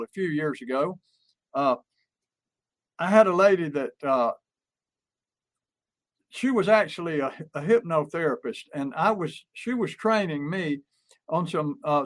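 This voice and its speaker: Older man, emphatic storytelling. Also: a little high. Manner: anecdotal storyteller with frequent restarts and fillers; emphatic, repeats key phrases. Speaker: podcast co-host and marketing coach. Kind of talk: casual podcast talk.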